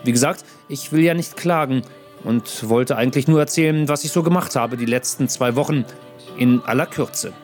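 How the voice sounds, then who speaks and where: A man's voice: mid-range voice, normal speed, a little mellow, faint music behind. A man in his thirties narrates his own video diary as a foreign correspondent. His humor is dry and self-mocking, with wry asides.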